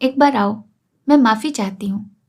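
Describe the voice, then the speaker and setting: A woman reading aloud who gives a sharp-tongued young woman a higher, lilting, mocking voice. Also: unhurried. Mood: pleading. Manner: mocking, lilting, raised pitch.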